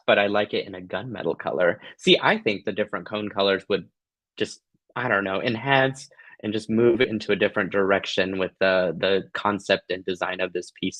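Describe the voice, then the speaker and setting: A man with a slightly low voice in a close, dry recording hosts a craft tutorial. He is gushing and affectionate with his viewers, talking in a casual, playful, giggly way. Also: fairly bright tone, dry recording.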